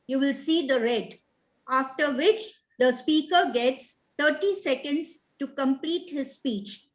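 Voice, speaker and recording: A woman's voice: high voice, a bit bright, low-quality recording. A woman explaining a meeting's timing rules over a video call, plainly and with some hesitation. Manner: plain and halting, many fillers. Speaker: meeting timer.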